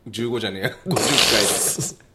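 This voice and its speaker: A man's voice: fairly low pitch, moderate pace, heavy background noise. A man co-hosting a podcast, chatting casually and riffing with goofy, playful wordplay. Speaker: podcast co-host. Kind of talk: casual banter.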